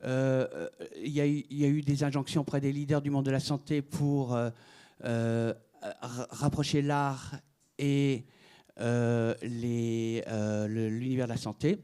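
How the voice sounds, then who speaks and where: A man's voice: mid-range voice, steady tone, measured pace, warm tone, smooth. A middle-aged man from France giving a conference talk, hesitant, with many fillers and restarts. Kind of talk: conference presentation.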